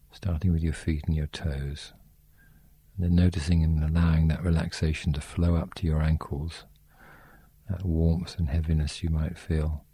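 A man guiding a sleep meditation in a slow, soft, soothing way. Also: extremely low pitch, breathy edge, no echo.

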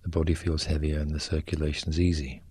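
A man leading a guided muscle relaxation exercise, giving gentle, soothing instructions in short, unhurried phrases. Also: rumbling low, little pitch movement, husky, no echo, studio quality.

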